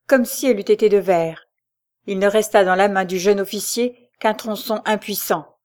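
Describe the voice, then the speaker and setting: A woman narrating a dramatic novel as an audiobook, with steady delivery. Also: medium pitch.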